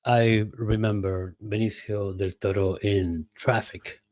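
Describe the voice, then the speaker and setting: A man on a podcast panel speaks in a low voice, soft-spoken and halting. His voice is dry and close to the mic. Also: flat delivery, no echo. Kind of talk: casual podcast chat.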